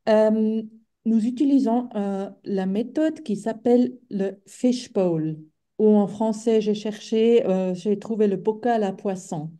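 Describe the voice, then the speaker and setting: A woman's voice: medium pitch, dark tone. A woman speaking French as a non-native with a foreign accent, explaining things to webinar participants and searching for her words. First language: not French. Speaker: webinar co-facilitator.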